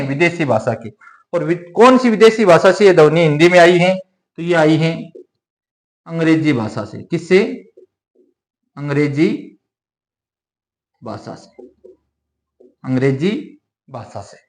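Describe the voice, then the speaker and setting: A man with a fairly high voice teaching a grammar class. He asks questions aloud and answers them himself, repeating key terms. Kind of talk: classroom-style lesson.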